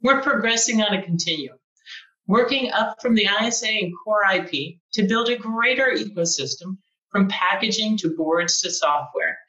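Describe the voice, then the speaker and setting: A woman in her forties giving a scripted keynote from her living room, upbeat and measured. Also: mid-range voice, pushed and bright. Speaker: chief executive giving a keynote. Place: sunlit living room at home, indoors. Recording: roomy, distant, dull lo-fi sound.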